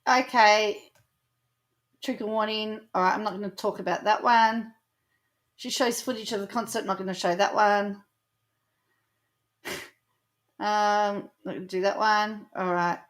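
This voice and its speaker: An Australian woman hosts a casual commentary vlog and talks through online posts as she finds them. She is conversational and thinks aloud, with a voice of ordinary middle pitch. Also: fairly even intonation, a little slow, long pauses. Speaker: commentary vlogger.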